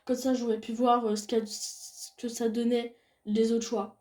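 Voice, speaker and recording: A young woman reading a visual novel aloud and chatting casually about the game as she plays. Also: unhurried. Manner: reads game dialogue in a soft low voice, chats loudly and excitedly between scenes. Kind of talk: casual let's-play commentary.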